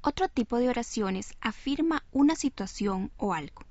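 Clear, deliberate woman teaching on air. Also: a little high, lively intonation, a little mellow, no room sound. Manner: clear, deliberate demonstrating intonation. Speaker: radio teacher. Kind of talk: scripted educational presentation. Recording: dull lo-fi recording.

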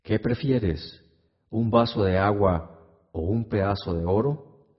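A man voicing a mysterious, slow disembodied voice in a radio story, on a dull lo-fi recording. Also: lowish voice, breathy edge. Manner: slow, hushed, drawn-out.

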